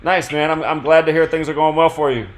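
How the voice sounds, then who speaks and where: Easygoing man with a fairly high voice. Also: steady tone, fast, very noisy. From US Pacific Northwest. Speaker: host. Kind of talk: casual interview chat.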